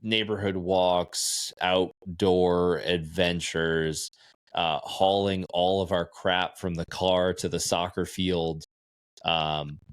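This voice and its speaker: A man with a very low, deep voice chats casually on a podcast, easygoing and matter-of-fact. The sound is close and dry, with no room around it. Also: slow, smooth, no echo. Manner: relaxed, matter-of-fact recommending. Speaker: podcast co-host. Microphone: podcast microphone.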